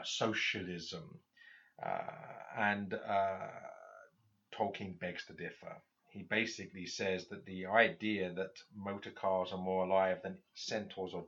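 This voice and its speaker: A man giving a literature lecture, halting often with fillers and restarts. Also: fairly low pitch, pushed and bright, lo-fi sound.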